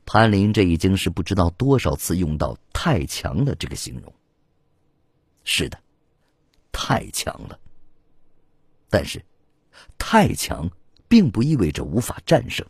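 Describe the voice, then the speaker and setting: A man's voice: very animated, unhurried, breathy edge, no echo, clean studio sound. A man narrating an audiobook in a dramatic storytelling manner, reading scripted narration. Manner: dramatic storytelling with wide swings in pitch.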